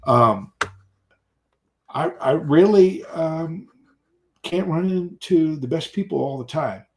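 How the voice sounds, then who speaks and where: A middle-aged man talks casually on a live stream and spins rambling work stories. He pauses often and restarts his sentences. His voice sits in a middling pitch. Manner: rambling, animated anecdotes with hesitations. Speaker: tile and grout cleaner, owner-operator.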